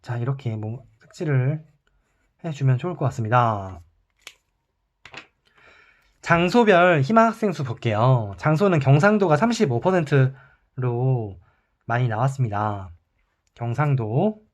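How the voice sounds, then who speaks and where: A male teacher giving a recorded math lesson. He explains calmly and step by step while drawing on a chart. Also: mid-range voice, unhurried, pauses often.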